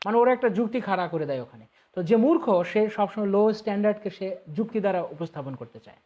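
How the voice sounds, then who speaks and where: Man, Bengali accent, high-pitched voice, devotional Q&A talk, explains with examples, acts out inner voices. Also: expressive, fast talker, lo-fi sound. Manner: reads questions aloud, then explains with examples, acting out inner voices. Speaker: spiritual teacher answering viewer questions.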